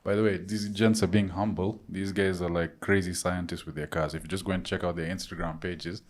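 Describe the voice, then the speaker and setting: Guy hosting a chill podcast, lowish voice, laughs a lot, super friendly banter. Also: fairly quick. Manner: lively, laughs often, calls guests "bro" and "gents". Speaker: podcast host. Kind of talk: casual interview chat.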